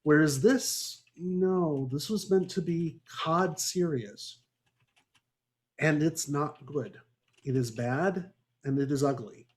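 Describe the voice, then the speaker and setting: A podcast host and moderator who teaches English composition leads a book review discussion, partly reading from prepared notes. He speaks slowly in a fairly high voice, wry, articulate and emphatic.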